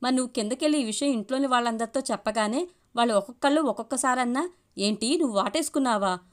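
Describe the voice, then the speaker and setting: A woman playing a cocky young man in a storybook reading, smug and teasing. He argues at length in a taunting, self-assured way, voiced fairly high. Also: quick pace, natural voice. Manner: taunting, smug, long argumentative speeches.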